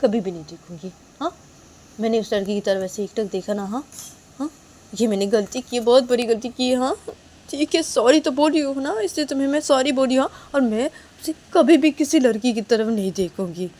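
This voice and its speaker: A woman's voice: on the high side, brisk, mellow, voice pushed up, close to an everyday voice. A woman voicing a tearful young woman who keeps pleading and apologizing, crying as she begs. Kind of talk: storytelling role-play.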